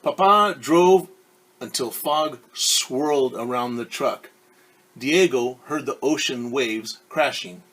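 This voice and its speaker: A male teacher with a medium-pitched, fairly bright voice reads a picture book to children, pausing to explain words and quiz his young listeners. The recording quality is rough.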